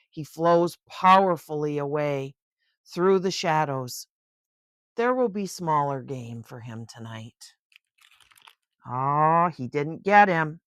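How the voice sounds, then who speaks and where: Reading picture books as host, an older woman speaks in a low but slightly bright voice, stopping to gush and exclaim directly to the kids. The sound is clean studio audio with no room sound.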